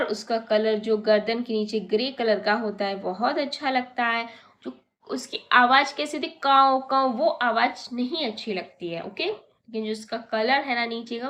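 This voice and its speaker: A woman teaching a primary school workbook lesson. Her voice is high and bright, and she talks slowly and patiently. She spells words out letter by letter. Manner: reads English instructions slowly, then explains them in Hindi. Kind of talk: workbook lesson explained in Hindi mixed with English.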